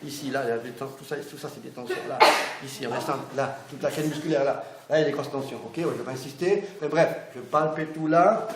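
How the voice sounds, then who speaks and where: A man's voice: medium pitch, fast, hardly any pauses. Man teaching massage, roomy. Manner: chatty, keeps checking in with the class. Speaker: massage instructor. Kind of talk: hands-on teaching demonstration. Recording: roomy echo, faint background noise.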